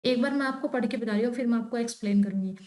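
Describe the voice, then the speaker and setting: A woman's voice: a little high, rapid-fire. A young woman teaching exam questions, stressing key words with a tone that rises and falls. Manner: expressive, stresses words with rising and falling tone. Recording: echoey room.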